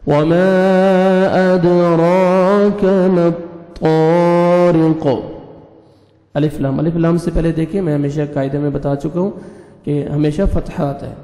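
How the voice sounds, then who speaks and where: A man teaching Quran reading. He spells out letters and vowel marks one by one, then recites each word slowly in a drawn-out chant. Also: a little high, steady tone, gravelly, dark tone, soft background music. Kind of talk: slow spelled-out recitation lesson. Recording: echoey room with long reverb.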